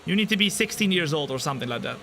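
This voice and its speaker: Talking very fast, a sim racing streamer in his twenties commentates live and chats with viewers, excitable with his voice jumping high during race action and relaxed otherwise. Race car engines, game music, and slight background noise accompany him.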